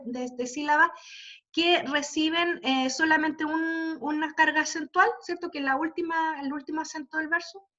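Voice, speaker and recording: A woman's voice: sits high, sharp tone. A woman teaching a literature class, patiently walking students through examples and checking in with them. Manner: checks in constantly with tag questions. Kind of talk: online class lecture. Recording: dull lo-fi audio.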